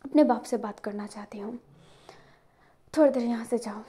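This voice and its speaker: A woman's voice: fairly high pitch, moderate pace, mellow, a little hiss or hum, lightly acted. A woman voicing a defiant, bitter young woman in a fan fiction reading, with a cold, cutting and scornful delivery. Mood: curt anger.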